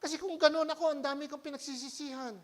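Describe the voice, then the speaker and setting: A male pastor preaching a lively sermon in church, often checking his listeners with a rhetorical "Hello?" and swinging between loud exhortation and quiet asides. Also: very high-pitched, fast talker. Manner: animated, keeps asking the congregation "Hello?".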